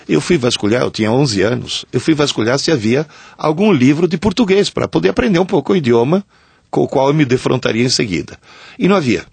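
Older man, gravelly and lively. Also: fairly high pitch, no echo. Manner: anecdotal storyteller, reads letters aloud. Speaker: co-host answering listener letters. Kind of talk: casual radio chat.

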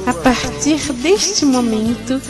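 A woman's voice: high voice, lively intonation, slow pace. A woman voicing a flight attendant making a formal cabin announcement over an airplane intercom, with music behind her.

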